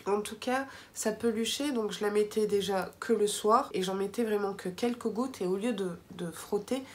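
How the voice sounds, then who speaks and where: A woman's voice: medium pitch, moderate pace. Chatty woman reviewing beauty products. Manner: chatty, frequent fillers and asides to viewers. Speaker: beauty vlogger. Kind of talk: casual product review vlog.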